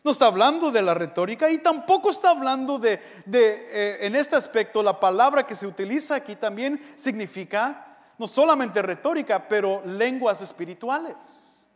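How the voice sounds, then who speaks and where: A man preaching a sermon in an animated way, acting out the voices of the people he quotes. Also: very high-pitched, normal speed. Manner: animated, acts out quoted voices, mixes in English slang. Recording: reverberant hall.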